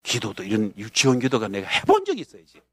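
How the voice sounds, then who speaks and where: A man from North Korea with a North Korean accent, a pastor and missionary telling a story in a sermon, acting out the scenes with bursts of shouting and laughter. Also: on the low side, huge pitch swings, fast, slightly rough, no room sound.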